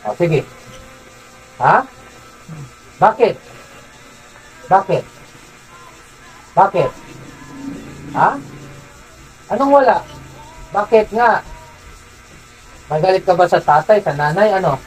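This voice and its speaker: A man's voice: high-pitched, expressive, takes it slowly, long pauses, soft background music, low-quality recording. Insistent faith healer man, commanding. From Zamboanga City, Philippines. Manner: insistent, repeats questions, commanding. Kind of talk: healing session, interrogating a spirit.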